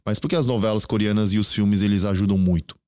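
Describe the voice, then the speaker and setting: A man's voice: on the low side, fairly even intonation, fast talker, darkish tone, clean tone, no room sound, studio quality. A man of about thirty with a Brazilian Portuguese accent, a guest chatting on a podcast and telling his stories with quoted asides. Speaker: guest, Korean teacher. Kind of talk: casual podcast interview. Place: podcast studio.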